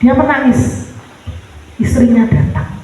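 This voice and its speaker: A woman's voice: fairly even intonation, takes it slowly, dark tone, a little hiss or hum. A woman preaching a sermon, emphatic and storytelling, in a large church hall. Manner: emphatic, storytelling, swinging pitch. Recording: echoey church hall, mic far off.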